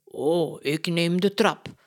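A woman playing a polite, slow-spoken detective. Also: on the low side. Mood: musing. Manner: slow, measured, courteous. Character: polite older male detective, calm and deliberate.

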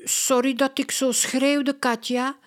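A woman voicing a bossy, quick-tempered schoolgirl, in a high and loud child voice for a read-aloud storybook. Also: little pitch movement. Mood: bossy excited.

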